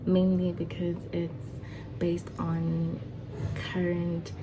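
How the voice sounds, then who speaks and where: A woman in her twenties talking casually to camera as a vlogger, chatty and excited, with many fillers and restarts. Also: lowish voice, extremely slow, background noise. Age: 20s. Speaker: vlogger and foundation founder.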